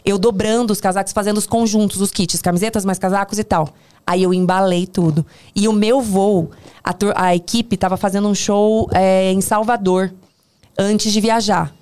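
A woman with a Brazilian Portuguese accent telling work stories casually in conversation, in an animated, hyperbolic way that often interrupts itself. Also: mid-range voice, normal speed, smooth. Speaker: podcast guest, tour producer.

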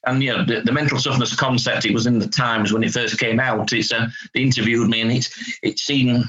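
Bright-voiced man with a Hull accent. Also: mid-range voice, steady tone, a little fast. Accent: Hull, northern English. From Hull, England. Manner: plain-spoken, down-to-earth. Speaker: interview guest, psychologist. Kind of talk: conversational expert discussion. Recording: dull lo-fi audio.

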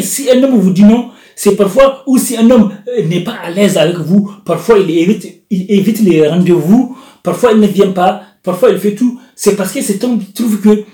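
A man giving a self-help coaching talk as a therapist, with repetitive, deliberate phrasing. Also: high-pitched, mellow. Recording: roomy echo.

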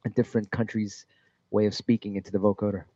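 A man, a music producer, talking in a casual interview, halting and swearing freely as he explains his tracks. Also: on the low side, flat delivery, dark tone, no room sound, dull audio.

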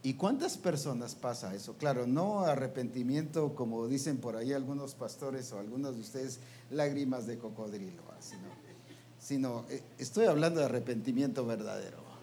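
A man's voice: medium pitch, animated, normal speed, warm tone, a little hiss or hum. A man giving a sermon to a ministers' meeting, colloquial, often asking his listeners questions and ending phrases with "pues" and "¿va?". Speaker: preacher teaching a ministers' meeting. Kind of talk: interactive sermon.

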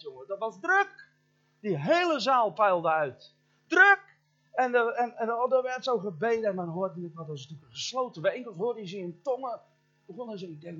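In a dull, lo-fi church recording, a middle-aged man with a husky, high-sitting voice preaches a storytelling sermon. He's animated, speaks straight to the congregation and acts out the sounds and voices in his story.

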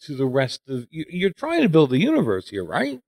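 A man's voice: fairly high pitch, wildly swooping pitch, brisk, a little mellow, dry recording. A man co-hosting a casual movie review chat, rambling and critical with lots of fillers.

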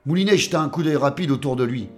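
A man's voice: on the high side, fast talker, soft background music. Wry man narrating a crime story. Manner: wry, coarse slang. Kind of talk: scripted narration of a detective story.

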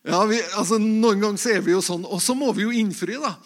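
A man giving an informal sermon, talking hesitantly with many fillers and restarts and asking the listeners questions. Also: sits high. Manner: conversational, asks the listeners questions. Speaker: preacher. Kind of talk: informal sermon with Bible reading.

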